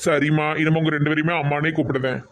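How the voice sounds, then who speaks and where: A man's voice: fairly high pitch, level tone, quick pace, a little hiss or hum, close to an everyday voice. A man voicing a polite young son-in-law with a Tirunelveli Tamil accent. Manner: polite, affectionate.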